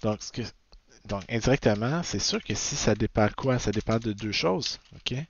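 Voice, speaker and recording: A lowish, gravelly male voice with lively intonation and a moderate pace delivers a recorded physics lecture in a Québécois French accent. He checks in with "ok?" often and revises himself as he talks. Slight background noise sits under a dull, dry lo-fi sound.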